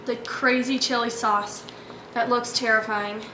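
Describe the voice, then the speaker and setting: A woman's voice: on the high side, steady tone, a little slow. A young woman chatting casually as she hosts a vlog. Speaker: vlogger. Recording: noisy echoey room, clattering dishes.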